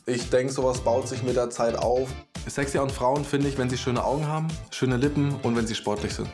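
Calm young man over music. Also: medium pitch, a little fast. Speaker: contestant. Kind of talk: interview voice-over.

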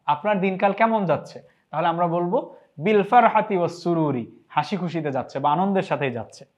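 High-voiced man teaching a language lesson. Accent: Bangladeshi Bengali. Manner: slow, careful drilling of phrases with repetition.

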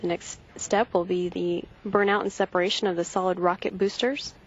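A woman giving measured, factual live launch commentary from mission control. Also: lowish voice, steady tone, husky. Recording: dull broadcast feed, faint noise.

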